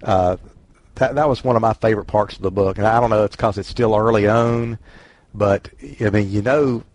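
A man's voice: on the low side, steady tone, moderate pace, a little mellow, no echo. Rambling man with a Southern drawl. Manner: rambling, self-deprecating. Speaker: book club host. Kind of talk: casual book discussion.

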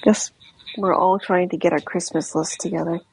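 A woman's voice: on the low side, steady tone, moderate pace, vocal fry, low-quality recording. A woman hosting a book club in casual chat, with faint noise on the recording.

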